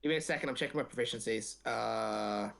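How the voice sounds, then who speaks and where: A man playing a tabletop game, arguing his point insistently, his voice lowered by a recent illness. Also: brisk, vocal fry, fairly bright tone. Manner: insistent, argumentative. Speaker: player.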